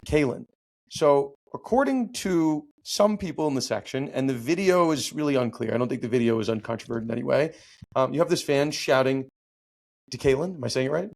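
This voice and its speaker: A man hosting a podcast and breaking down a sports law case. He talks at a middling pitch and explains step by step in an easy, chatty way. He often stops and restarts mid-sentence as he thinks out loud. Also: expressive, brisk, creaky. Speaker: podcast host and law teacher. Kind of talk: casual legal commentary.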